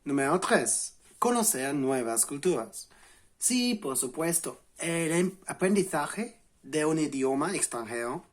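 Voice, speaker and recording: This late-20s language channel host is a native English speaker from England with an English accent and a fairly high-pitched voice. Talking to camera in a laid-back lesson, he frequently stops and starts again using filler words.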